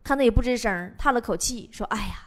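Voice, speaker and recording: A woman's voice: on the high side, quick pace. A young woman with a Northeastern Chinese accent, telling comic stories and laughing at her own jokes. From Northeast China. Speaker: comedy show host. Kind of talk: scripted comedic storytelling.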